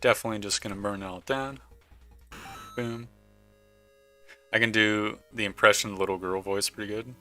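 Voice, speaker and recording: A man's voice: on the low side, steady tone, moderate pace, long pauses, pushed and bright, soft background music. A man casually commenting while playing a video game, chatting and reading the game's text aloud. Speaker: gaming YouTuber. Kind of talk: casual let's play commentary.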